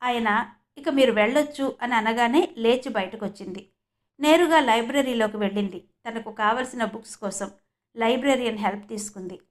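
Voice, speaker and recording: A woman from Andhra Pradesh narrating a novel as an audiobook in a steady storytelling manner. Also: fairly high pitch, normal speed. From Andhra Pradesh, India.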